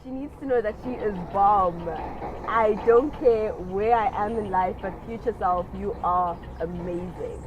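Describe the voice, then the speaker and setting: A woman's voice: medium pitch, measured pace, dull audio, noisy background. Earnest South African woman in her twenties. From Johannesburg, South Africa. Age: 20s. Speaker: interviewee sharing her story. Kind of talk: personal testimony to camera.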